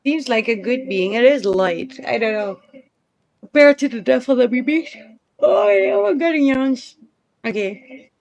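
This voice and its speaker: A woman's voice: high-pitched, animated, unhurried, vocal fry, a little mellow. A woman streamer chatting casually and thinking aloud while she plays a game, with the odd swear word. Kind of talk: casual live gameplay commentary.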